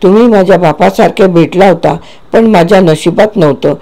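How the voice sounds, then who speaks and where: A man's voice: sits high, moderate pace, dark tone. A man voicing a tearful, disturbed fourteen-year-old boy who pleads between sobs. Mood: pleading. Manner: pleading, sobbing.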